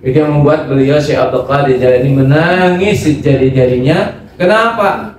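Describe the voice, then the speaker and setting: A man preaching a religious study talk in an animated way, acting out voices as he goes. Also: a little high, normal speed, slight background noise. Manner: animated, acts out quoted voices. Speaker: Islamic preacher. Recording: echoey hall from far off.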